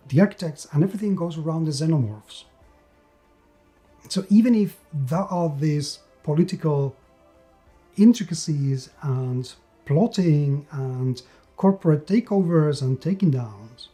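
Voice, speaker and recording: Facing the camera as a show host, a man gives an opinionated review in a fairly high-pitched voice with a dark tone. His delivery is emphatic, with words repeated for stress.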